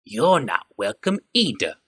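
A man voicing a crude, menacing male goblin in a rough, guttural voice for a fan audiobook. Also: mid-range voice, very animated, a little slow, sharp tone, heavily acted. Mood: snarling.

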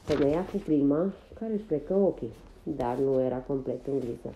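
A woman narrating a novel as an audiobook in a steady, even reading manner. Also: a bass voice, muffled recording, a little hiss or hum. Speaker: audiobook reader.

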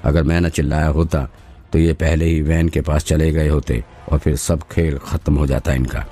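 A man's voice: rumbling low, steady tone, normal speed, warm tone, husky, soft background music, heavily acted. A man voicing a babbling crackpot suspect. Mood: boastful. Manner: pleading, rambling, boastful.

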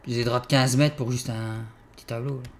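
A young man hosts a horror game let's play, talking through his fear. He swears constantly and shifts between startled yelps and low mutters. His voice sits mid-range, with faint noise behind. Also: normal speed. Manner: excitable, swears a lot, yelps in fright then mutters. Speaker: gaming channel host.

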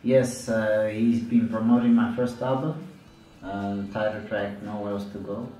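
A man in his thirties, a musician from Zambia, answering interview questions in a relaxed, unhurried way with fillers. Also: fairly low pitch. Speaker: musician guest. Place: small studio room, indoors. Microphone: studio mic on stand, headphones. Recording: roomy, slightly distant mic with music underneath.

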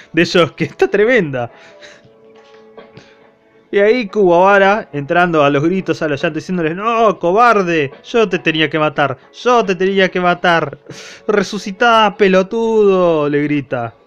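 High-voiced Argentine man recapping a manga. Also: highs cut off. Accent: Argentine Spanish. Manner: slangy, lively retelling that acts out the characters' lines. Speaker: manga reviewer. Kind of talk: casual recap of a comic.

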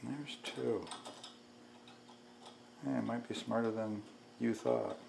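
A middle-aged DIY workshop host talks through a hands-on build in his indoor garage, muttering half to himself and half to viewers in a homely, self-deprecating manner. He has a creaky, medium-pitched voice, steady and slow, recorded in an echoey workshop full of clattering tool noise.

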